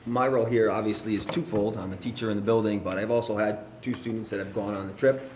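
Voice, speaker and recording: A very deep-voiced man speaks earnestly, in a loose, rambling way with plenty of fillers, as a teacher and parent at a school board meeting. His voice carries around an echoey room with a faint hum of ambience behind it. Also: steady tone, fast, darkish tone. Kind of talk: informal public remarks.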